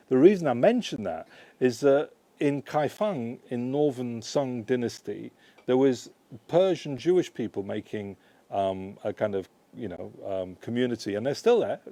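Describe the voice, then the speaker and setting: In a dry recording, a male author with a warm, mid-range voice presents his book at a shop launch and fields audience questions. He's digressive and conversational, often correcting himself and leaning on "you know" and "right?".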